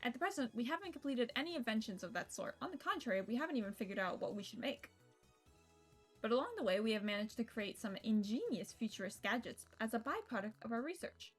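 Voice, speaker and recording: Speaking fast in a fairly high, animated voice with a slightly rough edge, the young woman rambles and jokes through her game stream. She swears at times and reads text aloud while visual novel music plays underneath.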